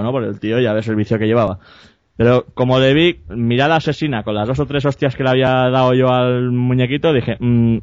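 Un hombre con acento de España que cuenta una anécdota en tono de charla informal, divagando, corrigiéndose a sí mismo y soltando tacos. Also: male voice, mid-range voice, darkish tone, dry recording. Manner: rambling, self-correcting, jokey and crude. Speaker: podcast host telling an anecdote. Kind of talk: casual storytelling chat. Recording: dull, dry lo-fi podcast audio.

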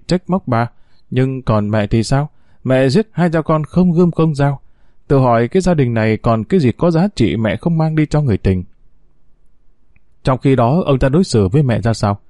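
A man reading a story aloud and voicing a grown son who fires sharp, accusing questions at his mother. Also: medium pitch, animated, moderate pace, no room sound, clean studio sound, natural voice. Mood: angry.

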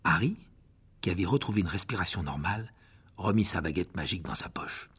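A man's voice: sits low, a little fast, fairly bright tone, husky. A man narrating a fantasy audiobook dramatically, often dropping to a whisper. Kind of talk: expressive audiobook reading.

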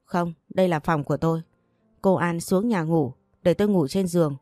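A defiant young wife who won't back down, voiced by a woman storyteller. She answers bluntly and quickly in a low, warm voice. Dry, close sound with faint music. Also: dry recording, lightly acted. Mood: exasperated.

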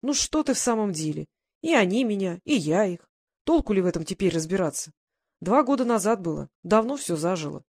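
A woman voicing a weary, aging male ex-convict father who speaks in a gruff, resigned way. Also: mid-range voice, expressive, a little fast, darkish tone, no room sound.

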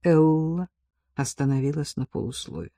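A woman reading a first-person audiobook in a steady storytelling manner with a touch of dry irony. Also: sits low, normal speed, no echo. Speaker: audiobook narrator.

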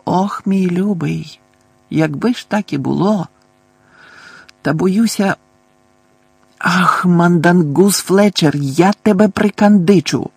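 A man's voice: high-pitched, slow, gravelly, pauses often, husky, no echo, voice pushed up, heavily acted. A male audiobook narrator voicing a frantic, cranky old woman who fusses and screeches. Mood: anxious. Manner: screeching, bossy, fussing.

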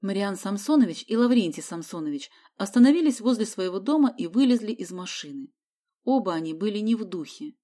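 A woman reading an audiobook in even, measured narration. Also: mid-range voice.

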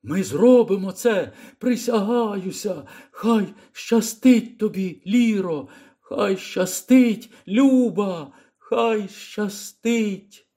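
A man's voice: high voice, extremely slow, warm tone, pitched above the performer's own voice, full character voice. A man voicing a caring old man in an audiobook, calling out tenderly and fervently. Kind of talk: audiobook character voice.

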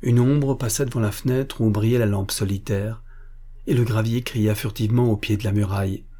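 A man reading an adventure novel aloud as an audiobook, in a measured, even narration. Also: on the low side.

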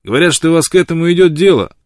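A man playing a gruff, blunt old frontiersman who talks loudly and insistently. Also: fairly high pitch, lively intonation, very fast, dry recording, clean studio sound, voice pushed up, natural voice.

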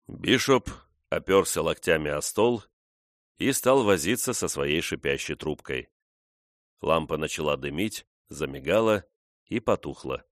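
Male audiobook narrator, low voice, steady even delivery. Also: no echo, studio quality. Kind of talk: scripted narration.

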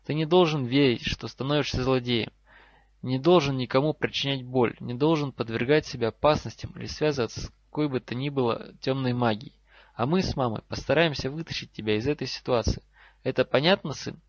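Мужчина читает за встревоженного отца-профессора, говорит взвешенно и наставительно; запись сухая, немного глуховатая. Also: male voice, medium pitch, brisk, no echo, close to an everyday voice. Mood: firm. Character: worried professor father, earnest and firm. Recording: slightly dull lo-fi recording.

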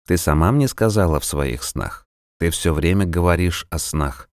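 A man playing a calm, ghostly tightrope walker who keeps dreams and speaks softly and slowly, in an audiobook. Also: sits low, no room sound, clean studio sound. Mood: soothing. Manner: soft, slow, soothing.

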